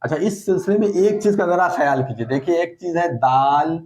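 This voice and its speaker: A man's voice: on the high side, moderate pace, a little mellow, slight background noise. A man teaching a recorded lesson, explaining patiently and repeating points with frequent check-ins. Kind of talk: recorded lesson on letter shapes.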